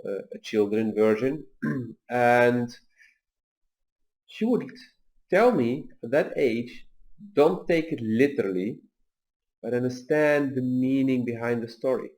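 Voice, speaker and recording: A man in his forties, raised in Tunisia, hosting a video and telling personal stories in a calm, measured way with pauses and fillers. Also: medium pitch. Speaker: video host. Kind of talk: personal reflective talk.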